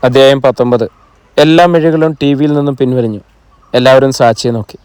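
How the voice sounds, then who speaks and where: Smooth-voiced man reading a novel aloud. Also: mid-range voice, a little fast, a little mellow, no room sound. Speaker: audiobook narrator. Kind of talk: scripted audiobook narration.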